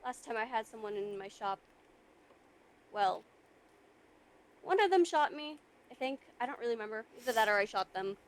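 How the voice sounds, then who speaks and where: A woman's voice: on the high side, expressive, moderate pace, long pauses. A woman role-playing a shopkeeper in a game, speaking in a dry, matter-of-fact way and now and then dropping out of character to swear. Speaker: role-play player as a shopkeeper.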